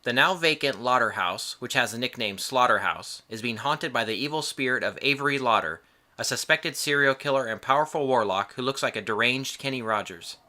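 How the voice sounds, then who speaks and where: A man's voice: mid-range voice, brisk, pushed and bright, a little hiss or hum. A man reading a scripted film review in a casual way, with wry, joking asides.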